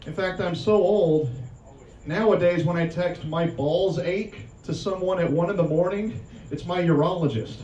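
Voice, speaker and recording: A forty-year-old comedian from Japan, his voice high and mellow at a moderate pace, performs crude, self-deprecating stand-up on a club stage. The recording is lo-fi and echoey, captured from afar with the crowd audible.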